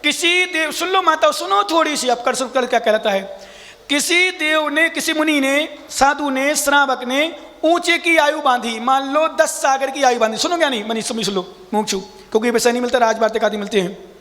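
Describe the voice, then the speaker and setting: A man, a monk, teaching a scripture class, explaining step by step, quizzing his listeners and chanting verses slowly. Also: very high-pitched, bright, forceful tone, in a large hall.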